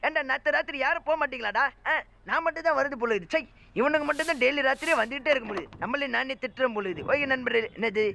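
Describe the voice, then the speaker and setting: A man talks through a game in an excitable, mocking way, piling up exclamations. His voice sits very high, with a gravelly edge and a bright, sharp tone. It is comic gameplay commentary from a gaming channel. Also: fast talker, hardly any pauses, slight background noise. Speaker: gaming YouTuber.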